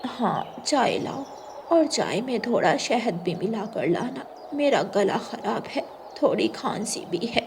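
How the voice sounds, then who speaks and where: Bossy old mother-in-law bird, played by a woman, soft-spoken yet demanding, faint hiss behind. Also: on the high side, lively intonation, slow pace. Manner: demanding, scolding. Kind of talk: storybook cartoon voice acting.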